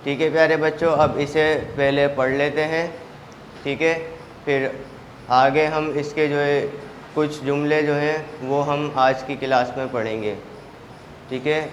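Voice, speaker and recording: A man from Pakistan teaching a children's language lesson, sounding out letters slowly and praising the class after each one. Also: medium pitch, slight background noise. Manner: slow, drawn-out letter sounds with steady praise. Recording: echoey room, faint ambience.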